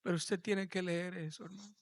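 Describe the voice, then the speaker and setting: A man preaching a sermon as pastor, swelling from low talk to loud, shouted passages. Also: fairly even intonation, a little fast, no room sound.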